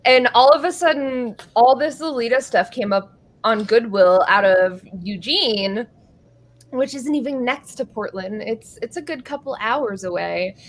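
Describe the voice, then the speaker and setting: A woman in casual chat with friends who softens her R's toward W, playfully defensive with girlish slang. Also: on the high side, animated, measured pace. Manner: does not pronounce R's properly, softened like W.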